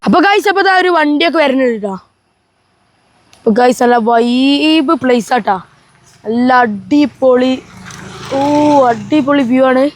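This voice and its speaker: Female travel vlogger, high voice, Kerala Malayali accent, Malayalam-English mix, casual and enthusiastic chat to camera. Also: a little slow, pauses often, slight background noise. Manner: Malayalam mixed with English words; repeats enthusiastic filler phrases, addressing viewers. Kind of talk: casual vlog chat to viewers.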